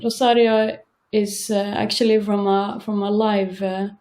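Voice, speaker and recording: Slow, halting woman musician. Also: mid-range voice, little pitch movement, darkish tone. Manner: halting, thoughtful, many pauses. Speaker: band member. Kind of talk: casual interview.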